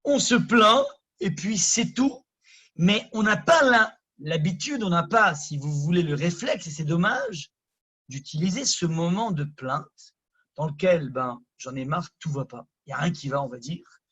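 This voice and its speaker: A rabbi from France with a Parisian accent, giving a conversational lesson that swings from loud emphasis to hushed asides. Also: male voice, fairly high pitch, lively intonation, unhurried, lo-fi sound. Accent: Parisian French. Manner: addresses listeners directly, conversational. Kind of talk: lively Torah lesson.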